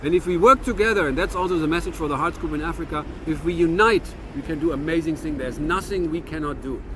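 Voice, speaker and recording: A man's voice: fairly high pitch, quick pace, fairly bright tone, slight background noise. A man in his fifties from Germany with a German-American accent, musing earnestly to camera in a reflective monologue with frequent restarts. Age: 50s. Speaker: vlogger.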